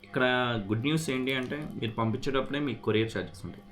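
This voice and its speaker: A male vlogger races through his explanation in a mid-range voice, with soft music behind him. The relaxed video covers his product repair experience and an unboxing, and he blends English words into his speech.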